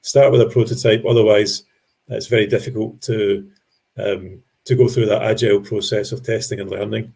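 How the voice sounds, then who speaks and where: A man giving an explanatory business presentation to an industry audience, speaking in a measured way with frequent ums and restarted phrases. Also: on the low side, level tone, vocal fry, darkish tone, husky.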